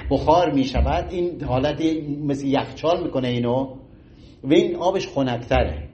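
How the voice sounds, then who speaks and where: A middle-aged man gives a casual, lively health talk in a slightly higher-than-usual voice. He is folksy and animated, and he acts out small scenes as he goes. A faint hiss runs under the recording. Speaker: health lecturer.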